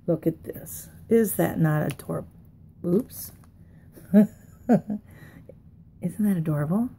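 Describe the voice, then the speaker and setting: A woman's voice: fairly low pitch, slow pace, creaky, dark tone, slight background noise. A woman chatting casually to viewers as she unwraps craft mail, gushing and a little tired. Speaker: craft vlogger. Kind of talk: casual unboxing chat.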